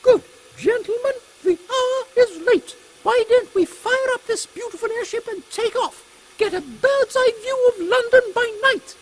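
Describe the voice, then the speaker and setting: Man doing imperious, very high-pitched Queen Victoria. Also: unhurried, low-quality recording. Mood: brisk, regal. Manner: haughty, grandiose, declamatory. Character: imperious, theatrical, excitable Queen Victoria, commanding secret agents. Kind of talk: steampunk audio comedy acting. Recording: loud airship engine noise behind.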